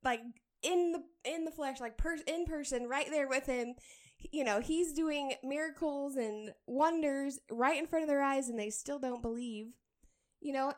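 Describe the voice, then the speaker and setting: Woman co-host with a slightly high voice, easygoing and reflective in casual faith talk. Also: smooth. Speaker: podcast co-host.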